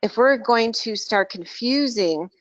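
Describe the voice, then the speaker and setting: A woman's voice: on the high side, lively intonation, measured pace, dry recording. Emphatic woman on a group voice call. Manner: emphatic, outspoken. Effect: heard over a group voice call. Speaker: dental practice coach. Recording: dull lo-fi call audio.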